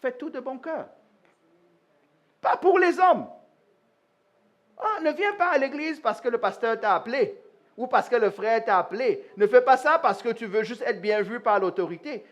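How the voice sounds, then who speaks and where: A man's voice: extremely high pitch, moderate pace, pauses often, dull audio. A man preaching a sermon as pastor, talking straight to the congregation, asking them questions and acting out short dialogues. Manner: animated, asks the congregation questions; acts out little dialogues in voices. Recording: live church sermon.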